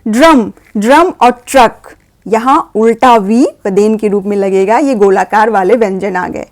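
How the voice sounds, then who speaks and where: A woman patiently explaining a grammar lesson to parents, slowly sounding out letters. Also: mid-range voice, darkish tone. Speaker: teacher guiding parents.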